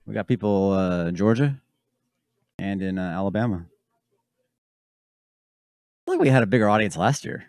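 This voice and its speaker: A man's voice: fairly low pitch, normal speed, long pauses, a little mellow, no room sound, clean studio sound. A man co-hosting a casual race-watching chat, blunt and sardonic, swearing now and then. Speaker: podcast co-host.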